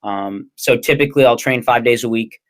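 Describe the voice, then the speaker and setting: A man's voice: mid-range voice, a little fast. A young man with an American accent, answering casually as an interview guest in a hesitant, rambling way. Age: young adult. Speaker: interview guest, ninja athlete and coach.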